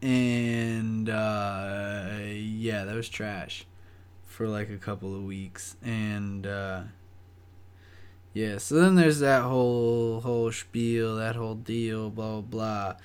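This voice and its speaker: A man's voice: lowish voice, fairly even intonation, takes it slowly, darkish tone, clear, resonant tone. A young man casually telling a story, rambling and swearing with lots of fillers. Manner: profane, rambling, full of fillers.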